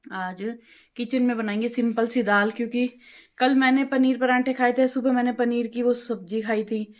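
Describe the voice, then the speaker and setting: A middle-aged woman vlogger chatting at home, talkative and quick with her words. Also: on the high side, steady tone. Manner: talkative, fast-talking. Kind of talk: casual home vlog chat. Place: home, balcony and kitchen.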